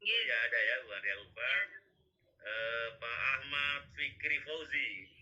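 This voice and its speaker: A man's voice: medium pitch, a little slow, bright, forceful tone, low-quality recording. A man, lecturing a teachers' workshop over a video call in a rambling way, tagging his sentences with questioning asides. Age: 50s. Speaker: workshop instructor.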